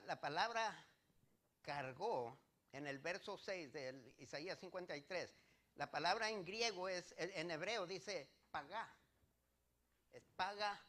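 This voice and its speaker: High, bright-voiced preaching man. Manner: emphatic preaching with rhetorical questions to the congregation; swings between loud declarations and quiet asides. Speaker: pastor. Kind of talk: sermon.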